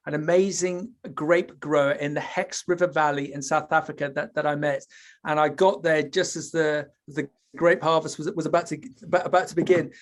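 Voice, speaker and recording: Man, from the UK, podcast guest, earnest, hesitant, high voice. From United Kingdom. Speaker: podcast guest, school presenter. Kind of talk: casual chat.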